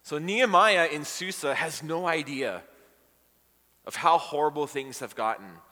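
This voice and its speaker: Guy giving a laid-back sermon, bright ringing voice, kinda high, big hall echo. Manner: conversational, asks the congregation questions. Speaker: pastor. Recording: long hall reverb.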